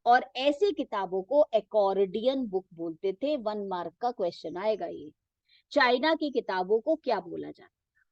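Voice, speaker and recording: A woman teacher with an Indian English accent, giving an exam-focused class lesson, mixing Hindi and English and reading textbook lines slowly before explaining them. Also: medium pitch, animated, no room sound. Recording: dull, dry lo-fi recording.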